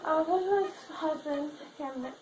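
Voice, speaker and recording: A woman's voice: high-pitched, normal speed. A woman in her twenties, groggy, confused and whiny on laughing gas, slurring as a dazed patient in a dental chair. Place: small dental treatment room, indoors. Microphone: phone at arm's length. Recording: noisy handheld phone recording.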